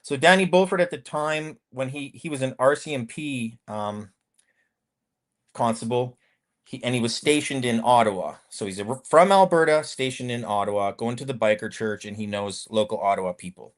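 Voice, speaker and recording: A man's voice: medium pitch, lively intonation, moderate pace. Rambling man telling a story. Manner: rambling, many restarts and fillers. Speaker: guest, former convoy accountant. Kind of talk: casual interview storytelling.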